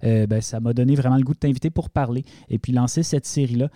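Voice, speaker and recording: A man hosting a podcast, talking in a relaxed, conversational way with some hesitation. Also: mid-range voice, fast, dry recording, clean studio sound. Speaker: podcast host. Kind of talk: casual interview talk.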